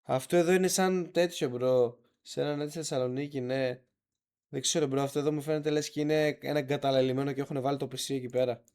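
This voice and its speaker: A man's voice: mid-range voice, steady tone, darkish tone, clear, resonant tone. A man streaming live, reacting to clips in a laid-back, slangy way, chatting to his viewers. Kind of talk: casual live-stream chat.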